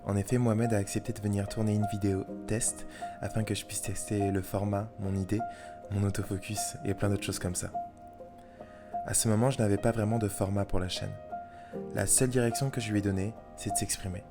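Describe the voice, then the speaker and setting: A man narrating a scripted introduction as the channel's creator, brisk and earnest. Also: lowish voice, little pitch movement. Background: loud background music.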